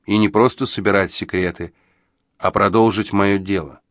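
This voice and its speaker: A grave, deliberate old master , as a male reader plays him, weighing every word. His voice sits low and is recorded dry and close. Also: no room sound, lightly acted. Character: grave older male master of a secret-keeping trade. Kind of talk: audiobook character reading.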